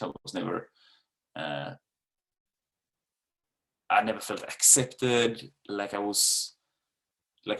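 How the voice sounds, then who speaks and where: A Swedish dance coach in his thirties gives a candid webinar talk in a Swedish accent, scattering casual fillers and swearing. His voice is lowish with a fairly bright tone.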